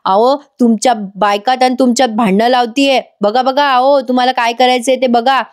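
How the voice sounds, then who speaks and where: A woman's voice: fairly high pitch, steady tone, a little fast, pitched above the performer's own voice, close to an everyday voice. A woman reading the lines of a scheming village strongman in a TV serial recap, in a blustering, mocking manner. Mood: taunting. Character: scheming village strongman, middle-aged man.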